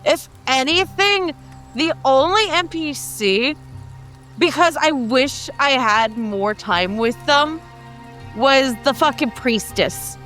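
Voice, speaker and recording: A woman player chatting casually, excitable and swearing offhandedly. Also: sits high, slow, soft background music. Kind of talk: casual debrief chat.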